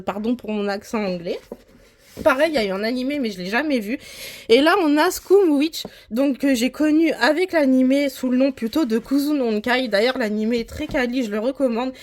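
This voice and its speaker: Woman from france rambling casually about her manga shelves, slightly high voice, lots of little hesitations. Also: lively intonation, brisk, a little mellow. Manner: chatty, rambling, frequent hesitations. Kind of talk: casual vlog tour.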